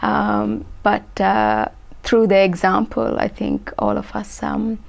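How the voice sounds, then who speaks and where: A woman in her forties with a gravelly edge to her voice, answering interview questions. She speaks thoughtfully and pauses often with ums, reworking her sentences as she goes. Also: mid-range voice. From Sri Lanka. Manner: thoughtful, many ums and restarts. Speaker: guest. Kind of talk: interview conversation.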